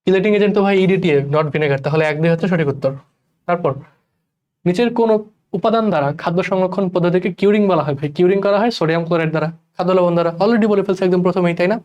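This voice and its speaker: A young man from Bangladesh teaching chemistry in a rushed exam-prep lecture, repeating key terms and calling his students brother. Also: sits high, darkish tone, highs cut off. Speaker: chemistry tutor. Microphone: recorded voice-over for class slides.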